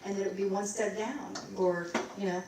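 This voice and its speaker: A woman's voice: mid-range voice, steady tone, brisk, noisy background. Woman singer chatting in a roomy hall. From Maryland, USA. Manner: rambling, scats and sings snippets. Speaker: guest vocalist. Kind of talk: casual onstage interview. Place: recital hall. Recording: roomy hall, distant mic.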